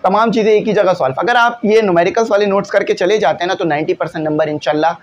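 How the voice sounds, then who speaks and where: Male teacher, high register, patient classroom explainer. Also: fairly even intonation, fast, highs cut off. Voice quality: glasses wearer. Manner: explains patiently, often checks in with "theek hai". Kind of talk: classroom lesson solving exam questions.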